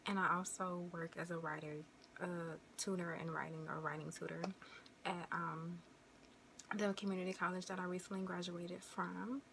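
A woman's voice: lowish voice, flat delivery, normal speed, vocal fry, background noise. A woman in her twenties from the American Midwest, chatting casually to camera as a vlogger, rambling and friendly with lots of fillers. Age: 20s. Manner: chatty, rambling, uses y'all and you know.

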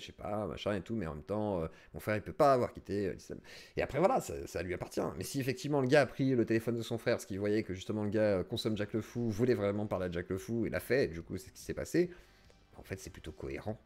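A man's voice: on the low side, darkish tone. A man hosting a livestream, talking casually and animatedly, often acting out little scenes. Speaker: livestream host. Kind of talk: casual livestream debate talk.

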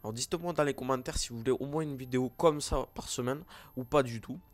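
A man's voice: mid-range voice, fast talker. A man with a regional accent, a gaming YouTuber, talking casually to his viewers with many fillers and restarts. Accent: French-speaking regional accent. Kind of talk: casual vlog talk to viewers.

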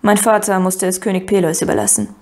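A woman reading an audiobook, voicing a good-humored young king who explains things calmly and patiently. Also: medium pitch, fast, close to an everyday voice.

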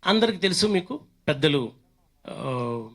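An older man doing stand-up mimicry on a stage mic. His voice is bright and a little high, with chatty, joking patter between impressions. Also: very animated, a little slow. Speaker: mimicry artist. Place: stage event. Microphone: handheld mic.

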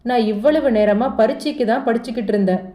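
A woman's voice: fairly high pitch, fast talker, lo-fi sound, voice pushed up, lightly acted. A woman voicing a defensive teenage girl who pleads and protests in a told story. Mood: defensive pleading. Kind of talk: storytelling dialogue. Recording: echoey room.

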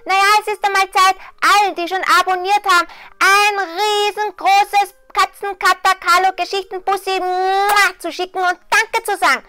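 A performer voicing a playful, teasing cartoon tomcat who chatters quickly, with a lilt. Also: little pitch movement. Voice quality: high, bright cat voice.

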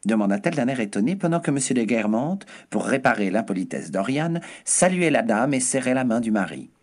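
A man reading a literary passage aloud with lively, storytelling expression. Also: medium pitch, fairly quick.

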